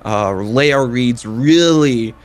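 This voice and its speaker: A man co-commentating an esports race, giving lively, upbeat play-by-play with some fillers. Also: medium pitch, very slow.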